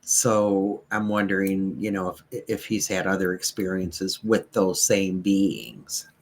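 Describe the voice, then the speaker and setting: A man's voice: low-pitched, slow pace, slightly rough. A man on a discussion panel who thinks aloud in a musing way.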